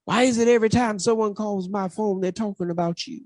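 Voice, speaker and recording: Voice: mid-range voice, a little fast, darkish tone, no echo, clean studio sound. A pastor preaching a sermon, building emphasis through rhetorical questions and repeated phrases. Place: church.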